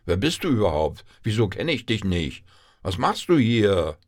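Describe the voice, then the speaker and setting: A man's voice: low voice, steady tone, slow pace, dry recording, clean studio sound. A man doing a brash country mouse. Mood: scolding. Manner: loud, scolding.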